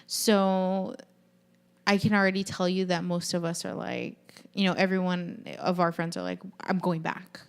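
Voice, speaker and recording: A woman's voice: lowish voice, normal speed, gravelly, clear, resonant tone. A woman hosting a podcast in casual chat, talking animatedly with lots of fillers and frequent swearing. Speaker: podcast host.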